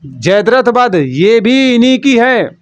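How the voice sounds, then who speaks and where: A man's voice: very high-pitched, sing-song, slow pace. A male Hindi teacher from Uttar Pradesh giving an exam-prep lesson. He calls his students "beta" and answers his own questions by repeating the key words. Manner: demonstrates sounds, softly then with force.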